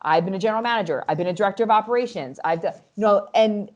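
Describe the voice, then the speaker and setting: A woman's voice: medium pitch, very fast, highs cut off. A woman with a New Jersey accent, a restaurant professional who talks casually as a podcast guest and acts out quotes as she tells stories. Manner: animated storyteller, acts out quotes. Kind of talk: casual chat.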